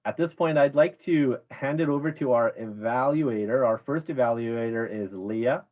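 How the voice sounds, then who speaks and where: A man's voice: mid-range voice, moderate pace. A man chairing an online meeting, chatty and rambling, correcting himself as he goes. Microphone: video call. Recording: dull lo-fi sound.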